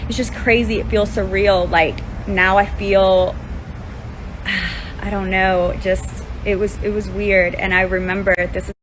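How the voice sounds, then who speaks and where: A woman eyewitness recording herself while shaken and near tears, rambling and swearing, her voice climbing high as she retells what she saw. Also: little pitch movement, unhurried, few pauses, background noise. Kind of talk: shaken self-recorded phone video.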